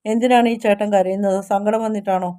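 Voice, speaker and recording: A woman's voice: medium pitch, steady tone, fast talker, mellow, close to an everyday voice. A woman reading as an innocent little village boy. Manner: simple, guileless talk.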